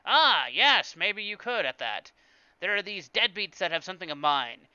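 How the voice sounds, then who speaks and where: A pushy, greedy alien shopkeeper barks and haggles in a raised, higher, bright voice, as a man puts him on. His voice swings up and down as he bargains. The recording is slightly dull, with a faint hum behind him. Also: sing-song, moderate pace, clean tone, no room sound, full character voice. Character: gruff greedy male alien junk dealer.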